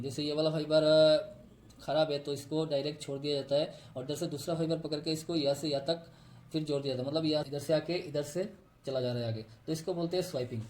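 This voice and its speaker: A man's voice: a little high, a little mellow, a little hiss or hum. A man explaining step by step how fiber optic cables are tapped and connected, pointing to a diagram he drew. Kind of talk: technical tutorial.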